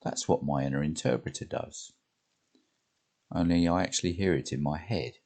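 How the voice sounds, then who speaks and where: A man's voice: extremely low pitch, moderate pace, mellow. A man reading an anxious woman who hears voices. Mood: earnest. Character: anxious woman hearing an inner voice.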